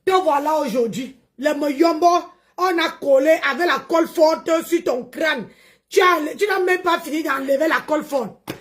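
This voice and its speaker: A woman with a high voice rants on a livestream. She mocks and confronts, hammers her points by repeating phrases, and often breaks into shouts. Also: moderate pace. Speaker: livestream host. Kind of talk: livestream rant.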